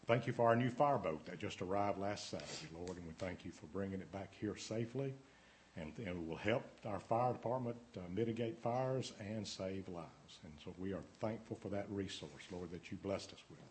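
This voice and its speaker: Councilman guy praying, lowish voice, kinda halting, bit of hiss. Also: darkish tone. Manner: earnest, halting prayer with restarts. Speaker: city councilman. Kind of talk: spoken prayer at a meeting.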